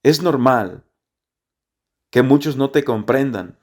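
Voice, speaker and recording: A man's voice: mid-range voice, slow, darkish tone. A man giving an earnest, repetitive gospel reflection to listeners as a preacher.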